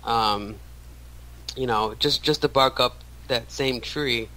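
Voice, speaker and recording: A man's voice: mid-range voice, slow pace, sharp tone, low-quality recording. A man in his thirties, a radio show guest, talking casually with many restarts and fillers. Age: 30s. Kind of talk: casual interview talk.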